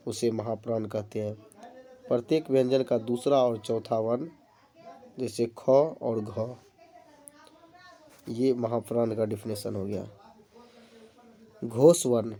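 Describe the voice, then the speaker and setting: A man's voice: medium pitch, dark tone. A man teaching an exam-prep grammar lesson, explaining definitions step by step with examples. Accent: Bihari-tinged Hindi.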